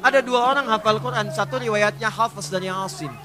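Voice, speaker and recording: A male preacher giving a lively storytelling sermon, now and then chanting verses slowly. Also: high-pitched, over music. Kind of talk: Islamic sermon.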